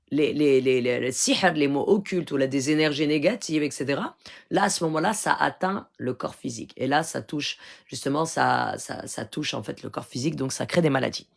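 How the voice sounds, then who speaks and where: Her voice is low-pitched and gravelly, animated, and moderately paced. On a relaxed phone live stream, this Moroccan spiritual healer teaches in an earnest, instructive way, frequently checking on listeners with "d'accord?".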